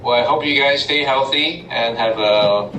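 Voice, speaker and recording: A man speaking gently and haltingly as a doctor, reassuring a family about an upcoming surgery. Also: mid-range voice, roomy sound, a little hiss or hum, low-quality recording.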